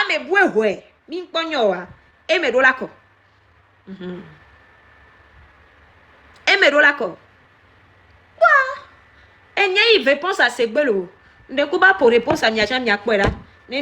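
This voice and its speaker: A woman's voice: fairly high pitch, a bit bright. A woman giving casual live-stream commentary, slipping into Ewe and scolding viewers by name.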